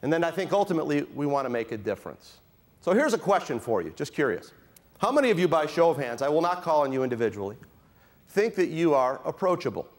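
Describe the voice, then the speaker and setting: A man's voice: a little high, big pitch swings, fast talker. A middle-aged man giving a keynote speech at a conference, joking with the audience and asking for a show of hands. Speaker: keynote speaker. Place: conference hall with a live audience.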